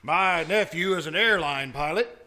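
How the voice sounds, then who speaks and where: A man's voice: on the high side, moderate pace, pushed and bright. A man playing a dry, wordy small-town mayor who gets flustered, in a live old-time radio comedy. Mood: pompous, dry. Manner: formal wordy speech that tangles when flustered.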